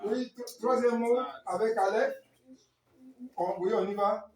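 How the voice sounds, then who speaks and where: A man teaching a Hebrew class, quizzing students on words and gently correcting them. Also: high-pitched, steady tone, unhurried, reverberant, rough recording. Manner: questioning and correcting students, encouraging. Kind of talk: classroom lesson.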